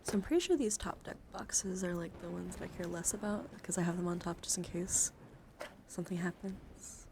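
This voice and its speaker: Talking a little fast in a lowish voice, a woman runs a casual ASMR livestream where she shows off her card collection to chat. She speaks softly and often drops to a whisper, rambling informally with playful asides, while handling sounds and background noise come through clearly.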